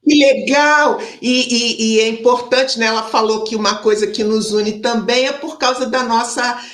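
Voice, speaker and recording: A woman's voice: fairly high pitch, steady tone, moderate pace, a bit bright, roomy sound. A woman from Rio de Janeiro interviewing an author, thinking aloud in a casual chat. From Rio de Janeiro, Brazil.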